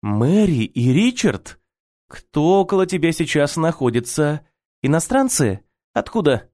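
A shrill, melodramatic society mother wails high and lively, pitch swooping all over, as a male audiobook reader puts her on. She sounds self-pitying and theatrical. The recording is dry and close. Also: unhurried, dry recording.

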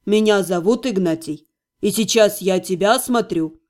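A woman reading an audiobook voices a formal, stern male healer who speaks softly and calmly. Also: mid-range voice, voice pushed down, lightly acted. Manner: soft, measured, formal.

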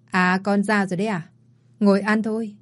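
A woman's voice: medium pitch, flat delivery, fairly quick, natural voice. A woman voicing a kindly, worried older father and grandfather who pleads with and scolds his son in a storybook reading. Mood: pleading.

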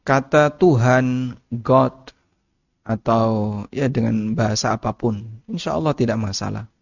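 A man teaching a religious study session, answering questions in a calm, explanatory way with informal asides. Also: medium pitch, unhurried, vocal fry, no echo. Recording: dull muffled dry recording.

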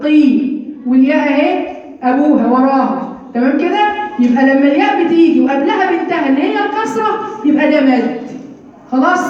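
A woman with an Egyptian accent teaches a recitation class. She drills students by repeating lists, asks questions and answers them herself, and teases them briskly. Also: high-pitched. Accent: Egyptian Arabic. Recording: very echoey, distant and dull-sounding.

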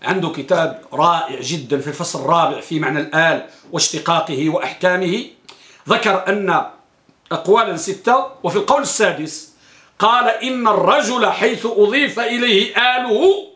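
A man's voice: fairly high pitch, brisk, fairly bright tone, reverberant. A man teaching an Islamic studies class, asking his students questions and answering them himself, and repeating key phrases. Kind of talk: classroom lecture on a hadith text.

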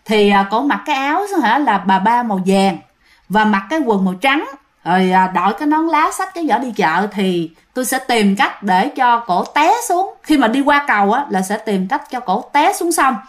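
A woman's voice: fairly high pitch, expressive, normal speed, close to an everyday voice. A woman telling of a scheming drowned ghost woman. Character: vengeful drowned female ghost seeking a substitute.

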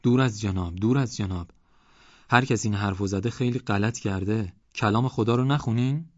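A man's voice: fairly low pitch, no echo, dull audio, natural voice. A man voicing a thin-necked village man with a throaty voice. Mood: indignant.

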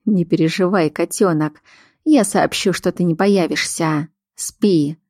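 A woman's voice: on the low side, measured pace, a little mellow, no room sound, clean studio sound. A woman reading the part of a domineering male werewolf pack leader, curt and commanding in an audiobook. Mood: teasing. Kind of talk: audiobook character voice.

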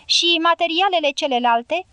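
A woman's voice: extremely high pitch, fairly bright tone, no echo, muffled recording, pitched above the performer's own voice. A woman reading the part of a resolute young male dynamiter in an audiobook, speaking firmly and steadily.

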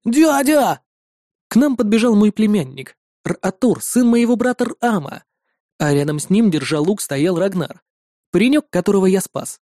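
A man narrating a fantasy audiobook in the first person, lively and wry. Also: high voice, normal speed, dry recording, clean studio sound.

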